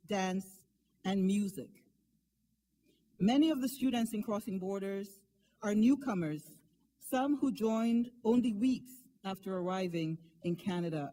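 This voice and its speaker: Mellow-voiced woman presenting an award. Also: medium pitch, low-quality recording. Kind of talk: prepared ceremony speech.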